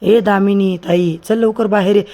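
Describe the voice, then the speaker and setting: A man voicing a drunk middle-aged uncle loudly accusing his sister. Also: high-pitched, fairly even intonation, normal speed. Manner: loud, accusing.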